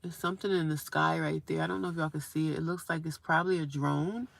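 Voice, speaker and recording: A woman with a low, creaky voice talks fast with fairly even intonation. She's live streaming from a parked car next to a highway, chatting casually, reading viewers' comments aloud and repeating herself as traffic hums faintly.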